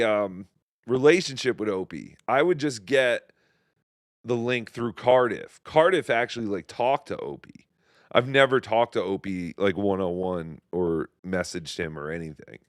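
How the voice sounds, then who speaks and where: A man co-hosting a podcast in casual chat, with dry, teasing deadpan humor. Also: mid-range voice, clean tone, no echo. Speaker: podcast co-host.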